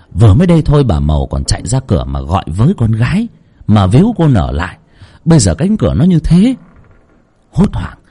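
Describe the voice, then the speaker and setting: Husky male ghost-story narrator. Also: on the low side, warm tone. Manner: dramatic, tense delivery.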